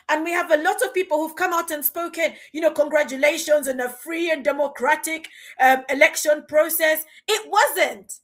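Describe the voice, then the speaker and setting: A woman's voice: high voice, fairly bright tone. A woman, speaking as a podcast guest in a passionate, indignant, emphatic rant. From Uganda. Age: 40s.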